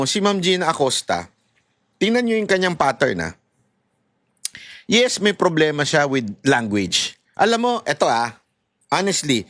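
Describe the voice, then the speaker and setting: Middle-aged vlogger from Manila, loud high voice, chatty and animated, dry close sound. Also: male voice, no room sound. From Manila, Philippines. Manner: animated and chatty, laughs at his own asides. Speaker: political commentary vlogger. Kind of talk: casual political commentary.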